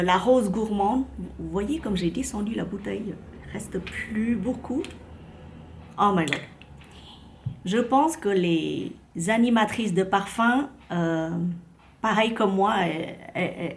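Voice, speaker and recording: A woman's voice: medium pitch, slight background noise. Chatty woman, hesitant. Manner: hesitant, many fillers and restarts. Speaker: vlogger reviewing perfumes. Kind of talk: casual chat to camera.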